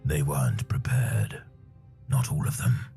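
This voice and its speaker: A man voicing a wounded, weary warrior who talks low, growled and half-whispered. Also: fairly even intonation, unhurried, gravelly, dark tone, faint music behind, exaggerated voice. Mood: grim, recalling. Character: wounded, weary male warrior, grim and bitter.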